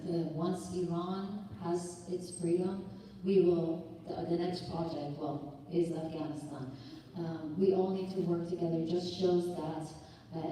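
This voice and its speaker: A woman hosts an event in a loose, halting way and often pauses on fillers. Her voice is low and warm. She sounds distant in a big hall with long echo and a faint hum of noise. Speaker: event organizer and host. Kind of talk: public speech. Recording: echoey hall from far off.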